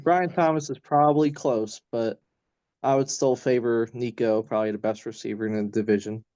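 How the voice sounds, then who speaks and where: A man's voice: medium pitch, fairly even intonation, warm tone, dry recording. Hesitant man on dull, dry audio. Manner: halting, many fillers and restarts. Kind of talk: casual podcast chat.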